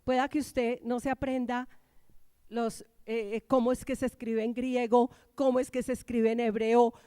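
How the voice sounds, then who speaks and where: High-voiced woman pastor preaching. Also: flat delivery, normal speed, warm tone, clear, resonant tone, dry recording. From Colombia. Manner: emphatic preaching with call-and-response prompts. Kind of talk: sermon. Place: church.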